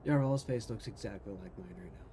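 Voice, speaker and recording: A man playing a tabletop game in a mellow, relaxed voice. He reasons aloud casually and slips in dry jokes, with music underneath. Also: fairly low pitch, a little fast, slight background noise. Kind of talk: casual talk during tabletop role-play.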